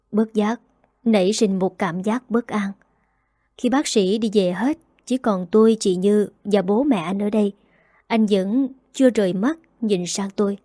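A woman reading a first-person romance audiobook in a steady, even way. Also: mid-range voice, no echo, studio quality. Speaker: narrator.

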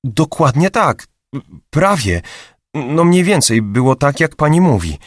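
A man's voice: fairly high pitch, sing-song, measured pace, dry recording, studio quality, voice pushed up. A man voicing a chatty, anxious young female receptionist who gossips with a raised voice, for an audiobook. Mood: eager complaining. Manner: raised gossipy voice, later hushed whispering.

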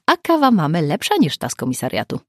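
Woman reading chill sergeant guy, wry, gravelly, dry close sound. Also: low voice, huge pitch swings, fast, dry recording, exaggerated voice. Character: easygoing male police sergeant.

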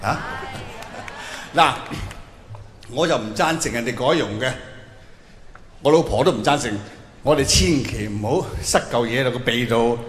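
A mid-range voice at a moderate pace, with frequent pauses, belongs to a middle-aged Cantonese stand-up from Hong Kong on an arena stage. He chats informally and directs questions at the large audience, heard over a noisy PA with long reverb.

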